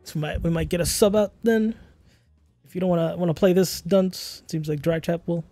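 A man in his twenties commentating a fighting game stream in a casual, laughing way, with quick excited calls of the action. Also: fairly high pitch, no echo, soft background music. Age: 20s.

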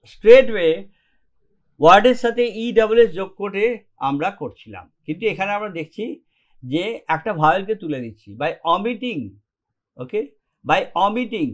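A man whose voice sits high and a bit bright teaches English grammar in Bengali in an online classroom. He lays things out step by step, frequently asking whether students follow.

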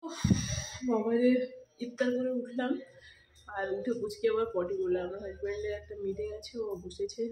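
A woman's voice: mid-range voice, steady tone, moderate pace, mellow. A young woman, vlogging in a casual, chatty way and often trailing off to recheck what she means. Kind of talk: casual vlog chat.

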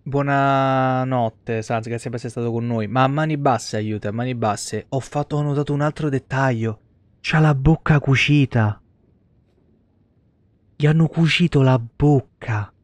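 At a measured pace and medium pitch, an Italian man in his thirties streams live gameplay, commenting casually, swearing a lot, and turning aside to talk with chat. The recording is dry.

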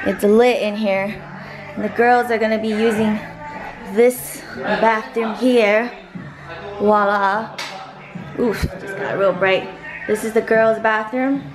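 A woman's voice: mid-range voice, steady tone, takes it slowly, long pauses, poor audio. A young woman chatting casually and playfully in slang as she hosts a party vlog from an apartment. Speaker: vlog host. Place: apartment during a house party. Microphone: handheld camera, held by her. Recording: loud music behind. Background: loud music.

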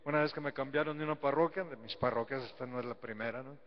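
A man's voice: medium pitch, fast. A priest giving a folksy sermon at Mass. He teases his listeners, asks rhetorical questions and calls on the congregation to answer, then leads a prayer. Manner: folksy, teasing preaching. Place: church sanctuary. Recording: dull lo-fi live stream with long church reverb.

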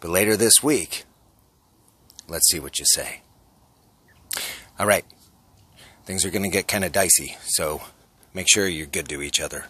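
A man's voice: low voice, measured pace, long pauses, sharp tone, husky. A man in his forties vlogging to a phone held at arm's length on a city street at night, earnest and urgent, posing rhetorical questions. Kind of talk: selfie street vlog monologue.

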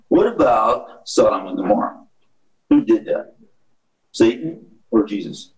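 A man's voice: mid-range voice, very animated, takes it slowly. A man in a church Bible study discussion, blunt and challenging, recorded by a far camera in a meeting room. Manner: gravelly, blunt, challenging questions. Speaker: class member.

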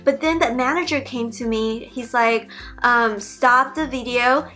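With soft music in the background, the young Mandarin-accented YouTuber and PhD student speaks unhurriedly in a fairly high, pushed, bright voice. It's a casual Q&A vlog filmed indoors in her bedroom, and her earnest chat is full of restarted sentences.

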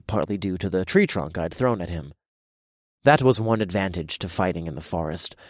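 A man narrating an audiobook in the first person, with a dark, gloating storytelling manner. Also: lowish voice, no echo, studio quality.

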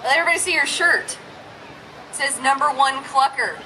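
A woman's voice: high voice, a little fast, bright, forceful tone. A woman emceeing a live contest on an outdoor stage with a handheld microphone, in a playful, teasing manner. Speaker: contest host. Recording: noisy outdoor crowd, live PA.

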